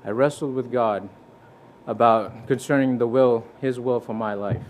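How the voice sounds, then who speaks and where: An earnest young man from Fiji, a visiting preacher, gives a sermon with personal testimony in a church. His mid-range voice has a darkish tone, fairly even intonation and normal speed, with a little hiss or hum. He speaks conversationally, restarting sentences and quoting scripture.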